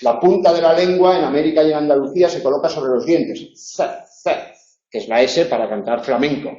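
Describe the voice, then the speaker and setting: A man's voice: fairly high pitch, fast talker, warm tone. A man with a northern Spain accent, a university tutor explaining phonetics and demonstrating sounds, often checking in with his listeners. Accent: northern Spain Spanish. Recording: roomy, dull lo-fi lecture recording.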